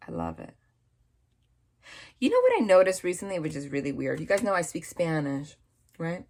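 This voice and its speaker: A New York–accented woman from the New York / New Jersey area reads tarot indoors at a table, hands over the cards, in a casual, rambling chat full of restarts and asides. Her low voice is creaky and gravelly, with wildly swooping pitch, a darkish tone, and normal speed.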